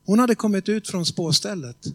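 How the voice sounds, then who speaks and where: A man preaching a sermon in a conversational storytelling way, often checking whether the congregation is following and slowing down to stress key words. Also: sits high, expressive, fairly bright tone, dry recording. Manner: tells stories with quoted voices and emphatic slow stresses.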